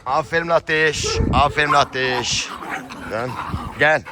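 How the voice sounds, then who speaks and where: A man talking casually to camera and coaxing his dogs in a yard with short repeated commands, now and then calling out high and loud. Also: a little slow. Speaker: dog owner vlogger. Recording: loud background noise outdoors.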